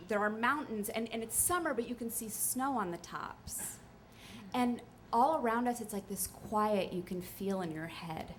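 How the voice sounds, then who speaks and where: A young woman tells a comic personal story at a live storytelling night, chatty and self-deprecating. Her voice sits a little high, and faint room ambience lies underneath. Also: a bit bright, slight background noise.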